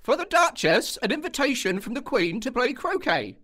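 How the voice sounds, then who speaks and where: Woman as an officious, high-voiced fish footman. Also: big pitch swings, normal speed, a bit bright. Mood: officious, snippy. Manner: declaiming, snippy. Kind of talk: audio drama acting.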